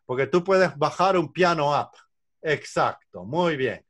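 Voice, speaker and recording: A man's voice: a little high, expressive, takes it slowly, fairly bright tone. Older man patiently teaching singing. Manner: patient, explanatory, illustrates with counting and examples. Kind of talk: online lesson on singing. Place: home room with a bookcase. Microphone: video call.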